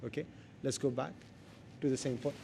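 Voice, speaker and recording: A man's voice: medium pitch, steady tone, moderate pace, gravelly, warm tone, slight background noise. A man with an Indian accent teaching a martial arts class, speaking emphatically in short, repeated phrases. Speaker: jiu-jitsu instructor.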